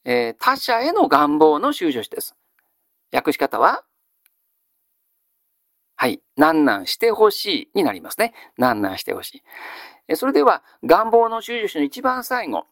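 A male teacher giving a grammar lesson. He asks a question, then answers it himself in a measured way. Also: sits high, wildly swooping pitch, fairly bright tone, no echo, studio quality. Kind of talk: classical Japanese grammar lesson.

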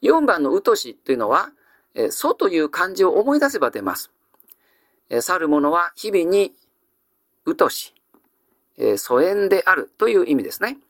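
Guy teaching exam vocab, bouncy animated voice, patient, lots of drawn-out ums, dry sound. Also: high-pitched, no room sound. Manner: patient, explanatory, many drawn-out fillers. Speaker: classical Japanese teacher. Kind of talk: exam-prep vocabulary lecture.

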